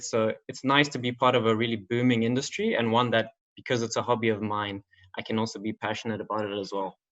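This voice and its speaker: This young man from Zimbabwe, a games marketing manager, talks casually at an online conference, peppering his speech with "um" and "like." His voice is mid-range with a fairly bright tone, captured on slightly dull, lo-fi audio.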